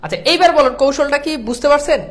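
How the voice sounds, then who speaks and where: A woman's voice: high-pitched, rapid-fire. A woman with a Bangladeshi Bengali accent teaching an online class, patient, repeating points and often checking whether students follow.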